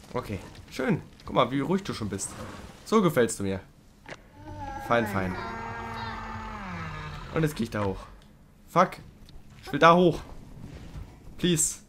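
A man doing casual let's play commentary, chatting with the game creature, pleading loudly at times and muttering low at others. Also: a little hiss or hum. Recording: game music playing underneath. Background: game music.

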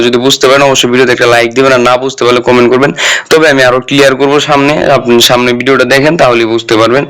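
A man walks through a grammar lesson in a relaxed, colloquial way. He keeps asking his own questions and answering them, and he often checks that his listeners are keeping up. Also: mid-range voice. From Bangladesh. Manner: repeats points as questions and answers them himself; colloquial, checks in with "ঠিক আছে?". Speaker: Japanese language teacher. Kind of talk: casual explanatory lesson.

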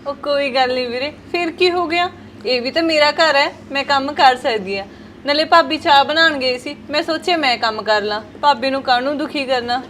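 An actress playing a gentle married daughter visiting her parents, soft-spoken and pleading with her brother and sister-in-law. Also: sits high, brisk, slight background noise.

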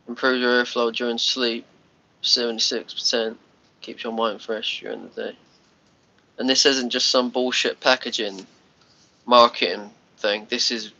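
A Scottish man in his thirties chats casually with viewers on a livestream, lying on a sofa in his small bedroom, rambling, restarting words and sounding a little congested. His mid-range voice is steady, bright and forceful, at a measured pace with frequent pauses. A phone held at arm's length gives lo-fi livestream audio.

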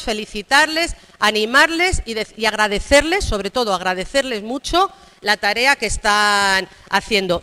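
A woman's voice: on the high side, pushed and bright, clean tone. A woman with a Spanish accent from Spain chairs a district council meeting and answers with a firm, indignant rebuttal. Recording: long reverb of a council hall.

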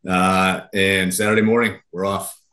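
A man who races sailboats answers interview questions in an easygoing, agreeable way. His voice sits a little lower than most men's. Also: level tone, a little slow, sharp tone. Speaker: racing sailor guest. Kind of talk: casual interview.

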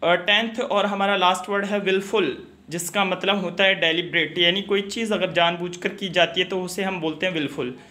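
Bright high-voiced male spelling teacher. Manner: spells words letter by letter, explains meanings slowly; steady instructional pace with hesitant "uh" fillers. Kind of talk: educational video lesson.

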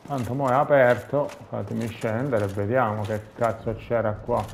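A man's voice: mid-range voice, steady tone, moderate pace. A man gives casual commentary while playing a video game. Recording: clear background noise and game ambience.

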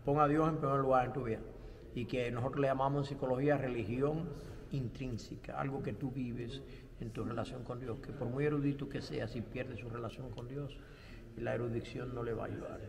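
A man's voice: mid-range voice, fairly even intonation, fairly quick, creaky, in a large hall, slight background noise. An older man from Cuba, a pastor and theology professor, answering interview questions in a reflective way with light self-deprecating humor. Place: studio set with bright backdrop.

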